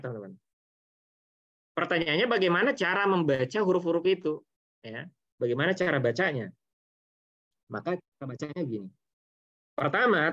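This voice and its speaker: A man's voice: fairly high pitch, fairly bright tone. A man teaching a biology lesson in a casual, step-by-step way, asking rhetorical questions and answering them himself. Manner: casual, with frequent tag words and self-corrections. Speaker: biology tutor. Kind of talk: online lesson explanation. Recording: slightly dull lo-fi audio.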